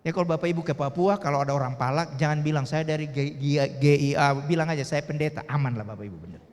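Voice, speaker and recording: Animated male preacher in echoing church. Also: fast. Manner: animated storytelling, voices quoted people at high pitch. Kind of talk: sermon with storytelling and closing prayer. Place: church service hall. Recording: long church reverb.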